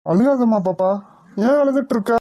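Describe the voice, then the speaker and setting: A woman voicing a calm, reassuring middle-aged husband in a cartoon. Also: fairly high pitch, natural voice. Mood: calm, concerned. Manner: reassuring, measured. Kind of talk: cartoon voice acting.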